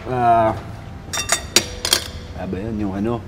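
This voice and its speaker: A man's voice: lowish voice, flat delivery, takes it slowly, very noisy. A man playing a goofy, charming young man on a date who jokes around and fumbles his words. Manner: playful, joking, stumbling over words. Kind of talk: TV comedy drama acting. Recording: strong background music score.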